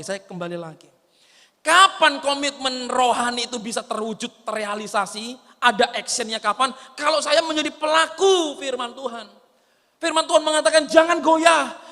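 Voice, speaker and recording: A male pastor preaches in a high, bright voice. He moves between loud, lively exclamations and soft, low asides. His voice carries the long reverb of a large church hall. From Indonesia. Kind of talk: sermon.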